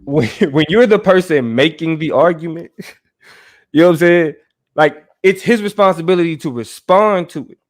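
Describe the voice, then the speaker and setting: A man's voice: a little high, normal speed. A man hosting a casual debate recap, talking conversationally and often checking in with "right?" and "you know what I mean". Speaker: show host.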